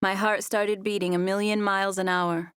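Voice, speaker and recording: A woman narrating a first-person romance audiobook in a soft, even storytelling voice on a close mic. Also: mid-range voice, normal speed, smooth, dry recording.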